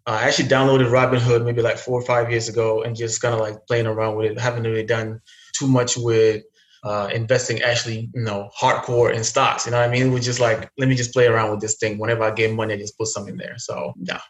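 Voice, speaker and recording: A man in his thirties from South Sudan, a native Arabic speaker, talks casually as a guest investor in an interview, full of fillers and restarts. His medium-pitched voice moves little in pitch and comes quickly, with an echoey room around it.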